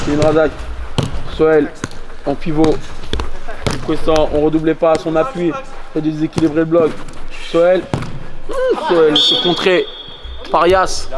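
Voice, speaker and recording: A man doing excited live sports commentary, calling out players' names in short bursts and exclamations. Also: fairly high pitch. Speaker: match commentator. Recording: loud crowd and bouncing ball behind. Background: crowd noise, ball bounces.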